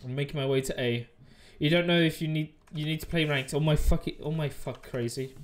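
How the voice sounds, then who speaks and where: A man doing live gameplay commentary as a streamer, chatty and excitable, swearing often. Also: on the high side, fairly quick. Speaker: game streamer.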